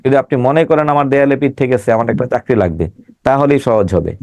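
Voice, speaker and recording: Man teaching an exam class, emphatic and repetitive, middle pitch, dry close sound. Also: fast, a little mellow, dry recording. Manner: emphatic, repeats and drills words syllable by syllable. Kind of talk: online exam-prep class.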